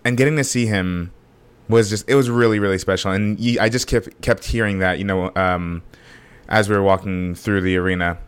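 Hoarse, deep-voiced man. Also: steady tone, fairly quick. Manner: speaking low to spare his voice; enthusiastic, filler-heavy. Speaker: podcast co-host. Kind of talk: casual chat.

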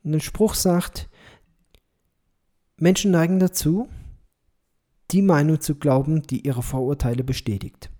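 On his own podcast, a man who is a missionary offers commentary on his views, reflective and often hesitating or starting over. His dark-toned voice is on the high side and steady, and he speaks a little slowly with long pauses.

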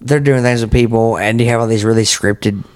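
A man's voice: medium pitch, steady tone, brisk, a little mellow, clean tone. A man in a casual podcast chat as a guest, rambling in a folksy way and cursing often. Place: at home.

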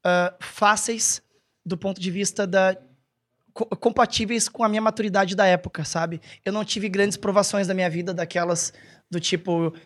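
A man speaks as a podcast guest. His talk is casual and meandering, often pausing to search for a word and correct himself. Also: high voice, fairly even intonation. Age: 30s. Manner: rambling, hesitant, self-correcting. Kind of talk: casual chat.

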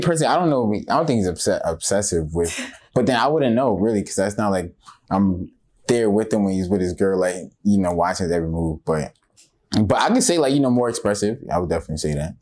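A man with a somewhat low, husky voice, talking casually as a podcast co-host. He is laid-back and hesitant, searching for words and restarting his sentences. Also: lively intonation, brisk, a little mellow. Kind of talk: casual chat.

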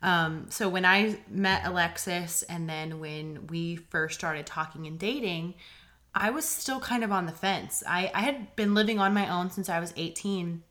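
A woman's voice: on the low side, unhurried, fairly bright tone. A woman in her twenties, a podcast guest, talking earnestly and reflectively about her relationship. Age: 20s. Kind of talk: casual interview chat.

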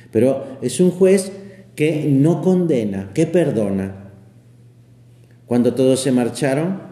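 A man preaches a homily at an unhurried, easy pace. His voice is dark and mellow, and it rings with the long echo of a big hall. He talks in a conversational way, pausing often to check in with his listeners. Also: medium pitch. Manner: conversational, with many fillers and tag questions. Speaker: priest. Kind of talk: homily on the Gospel. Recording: echoey hall with long reverb.

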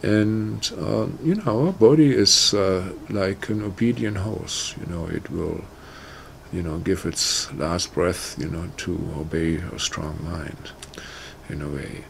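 A man introducing a guided meditation in a casual, halting way, full of "you know" and "uh". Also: low voice, vocal fry, slight background noise. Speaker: meditation teacher. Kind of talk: casual spoken talk.

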